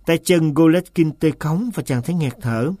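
A man narrating a novel as an audiobook in an even, measured storytelling manner. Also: a little high, no room sound, clean studio sound. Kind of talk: scripted narration.

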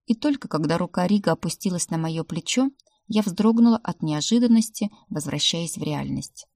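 A woman narrating a first-person audiobook in a calm, even storytelling manner. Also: on the low side, normal speed, no room sound, clean studio sound.

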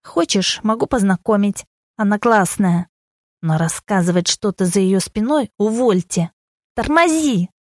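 A woman's voice: medium pitch, lively intonation, a little slow, no echo, studio quality, close to an everyday voice. A woman voicing a playful young woman who teases her friends and flares up when pushed. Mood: angry. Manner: teasing and wheedling, flaring into anger. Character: sleepy playful young woman with a fiery temper.

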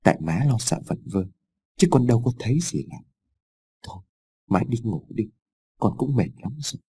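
Guy as a tired stern son in an audio story, quiet and firm, husky. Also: lowish voice, very animated, fairly quick, full character voice. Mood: weary firmness. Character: weary stern grown son, cold and firm.

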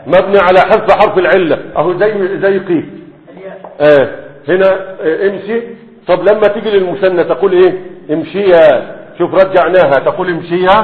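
A man with an Egyptian accent teaching a grammar lesson, explaining step by step and often checking that students follow. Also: high voice. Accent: Egyptian Arabic. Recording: tinny, echoey hall.

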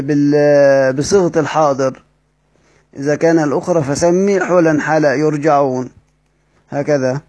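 A man's voice: a little high, a little mellow. A man with an Egyptian accent teaching a lesson step by step, reading out quoted passages and asking the class questions that he answers himself. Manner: explains step by step, asks the class rhetorical questions and answers them. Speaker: Quran recitation teacher.

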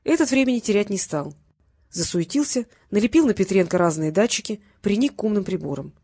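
A reader narrating a crime novel in an even, measured way. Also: medium pitch, slightly rough. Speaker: audiobook reader. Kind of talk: scripted narration.

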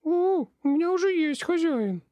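A man reading an audiobook voices a small female imp demon who squeaks, whines and begs her master. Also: expressive, normal speed, dark tone, no room sound. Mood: sulky. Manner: squeaky, whining, pleading.

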